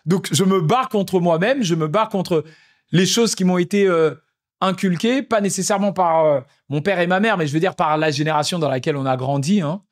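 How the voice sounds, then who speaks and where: A man with a voice that sits high hosts a podcast, speaking fairly quickly as he tells stories about fatherhood. The casual storytelling monologue is reflective, and he repeats phrases for emphasis.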